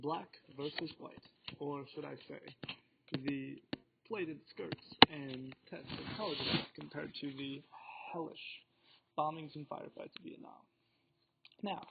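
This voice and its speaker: A teenage boy hosts a scripted student book podcast, reading his questions in a formal, slightly theatrical way. His voice is on the high side with vocal fry, captured on a dull, lo-fi recording with faint noise.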